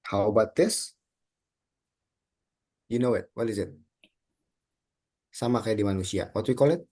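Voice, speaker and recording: Slow husky teacher with an Indonesian accent. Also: male voice, fairly low pitch, lively intonation, warm tone. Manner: slow, drills words for the class to repeat. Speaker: English teacher. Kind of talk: children's vocabulary lesson.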